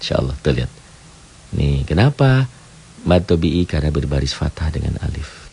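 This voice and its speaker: Deep gravelly man teaching Quran recitation. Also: very animated, warm tone. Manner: explains each rule step by step, chanting verses slowly. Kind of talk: radio tajwid lesson.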